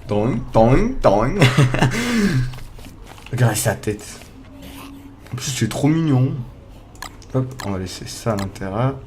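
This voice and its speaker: A young man giving casual let's play commentary, excitable, swearing often, talking to his viewers, with loud startled outbursts. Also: mid-range voice, slow, pauses often, slight background noise. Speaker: gamer playing a survival game. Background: faint game music.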